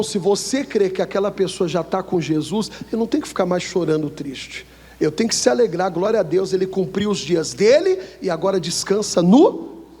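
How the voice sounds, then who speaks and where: A man with a Brazilian Portuguese accent preaching a sermon, asking the church questions and swinging from loud high lines to low quiet ones. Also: breathy edge. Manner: asks the church questions for them to answer. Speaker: pastor. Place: church hall. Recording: long reverb of a church hall.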